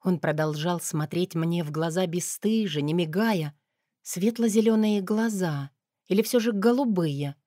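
Low-voiced woman reading an audiobook. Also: a little slow, dark tone, dry recording, clean studio sound. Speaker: audiobook narrator. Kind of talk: first-person audiobook narration.

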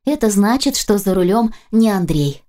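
Lively woman narrating an audiobook. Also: mid-range voice, moderate pace. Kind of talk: first-person audiobook narration.

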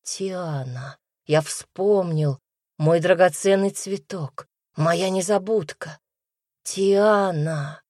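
A woman's voice: on the low side, slow, darkish tone, no echo, studio quality. A woman voicing a young male fire-spirit hero, earnest and wry, in an audiobook. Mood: tender.

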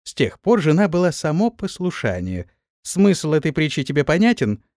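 Bossy warrior lady, loud and threatening, male narrator doing her, swings her voice up and down. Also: fairly high pitch, big pitch swings, normal speed, no echo, studio quality. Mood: menacing. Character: stern commanding female warrior mistress.

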